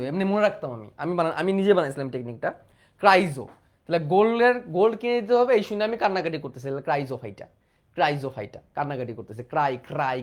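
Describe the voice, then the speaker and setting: High-voiced biology teacher drilling students. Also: male voice. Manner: drills students with repeated questions and mnemonics. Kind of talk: online exam-prep lecture.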